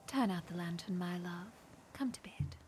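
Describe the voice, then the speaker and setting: An actress playing Ida, a Victorian wife who speaks in hushed, breathy tones while hiding a guilty secret. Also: female voice, fairly high pitch, slow pace, slight background noise. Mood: intimate. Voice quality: breathy, often whispering. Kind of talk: radio drama acting.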